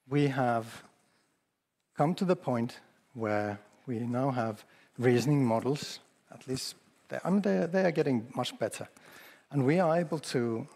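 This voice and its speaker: Husky man speaking in an echoing hall. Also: mid-range voice, animated, takes it slowly, long pauses, darkish tone. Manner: casual, repeats words, speaks with conviction. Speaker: conference speaker. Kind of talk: conference talk. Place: event hall. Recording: long hall reverb from a public address system.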